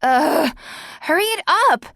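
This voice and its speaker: A woman's voice: high-pitched, expressive, a little slow, vocal fry, fairly bright tone, dry recording, studio quality, pitched above the performer's own voice, heavily acted. A woman voicing a bossy, whiny teenage blonde girl who talks sarcastically.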